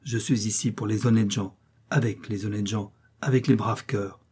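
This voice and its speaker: A man reading the part of a calm, assured detective's agent who explains things in a measured, reassuring way. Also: mid-range voice, a little hiss or hum, close to an everyday voice.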